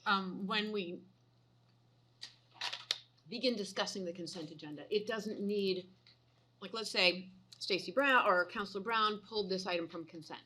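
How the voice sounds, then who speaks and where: A woman councilor questions procedure in a council chamber, her voice bright and forward at a mid pitch. She circles her point with restarts and frequent "like" fillers. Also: slight background noise. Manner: probing, restarts and many "like" fillers. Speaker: city councilor.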